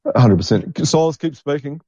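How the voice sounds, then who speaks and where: A man hosts a podcast in casual chat, enthusiastic and repeating himself for emphasis. His voice is on the high side, dark and husky, with lively intonation and a moderate pace. The lo-fi recording sounds dull and dry, with no echo.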